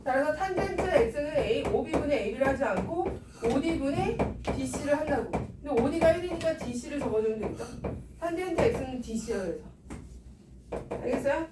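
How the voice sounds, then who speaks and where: A woman's voice: high voice, expressive, normal speed. A woman math teacher in a classroom, talking students through problems and coaxing them with constant questions. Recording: echoey room, picked up from a distance with background noise.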